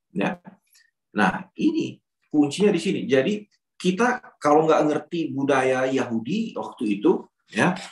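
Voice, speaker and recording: A man giving a conversational Bible teaching to a youth group, often asking rhetorical questions. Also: mid-range voice. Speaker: youth ministry speaker. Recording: roomy echo.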